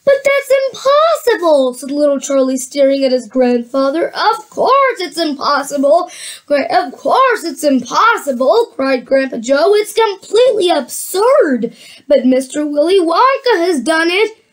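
A woman with a high voice reads a children's storybook aloud a little slowly, giving each character a distinct voice. She frequently restarts lines and slips into relaxed asides to her listeners.

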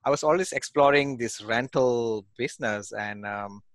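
Over a headset on a video call from his home office, a Malaysian man in his forties talks as an interview guest about real estate investing. His mid-range voice comes through dry at normal speed, and his casual speech is thick with fillers and restarts.

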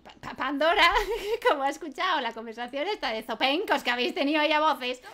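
Chatty high-voiced woman gamer. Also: lively intonation, quick pace, sharp tone. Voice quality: chatty, laughs often, keeps asking ¿vale?. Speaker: gaming video creator. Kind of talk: let's play commentary.

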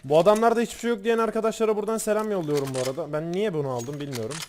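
A young man from Turkey giving lively gameplay commentary as a YouTuber, excitable, swearing and laughing often. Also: high-pitched, very fast, slight background noise. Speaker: gaming YouTuber.

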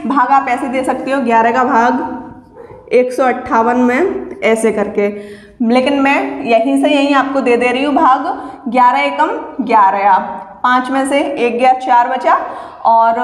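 A woman teacher explaining exam math step by step, patiently asking and answering her own questions. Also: high voice. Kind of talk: exam-prep math lesson. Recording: echoey room with long reverb.

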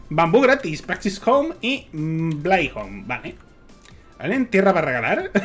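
Casual Minecraft stream commentary comes from an excitable Spanish man whose pitch stays lively. He laughs constantly and swears a lot, with faint music audible behind him.

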